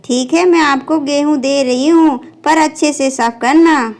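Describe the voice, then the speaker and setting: A busy young mother , voiced by a woman, scolds firmly yet kindly in a doll storybook. The voice is high and paced slowly. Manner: firm, chiding but caring.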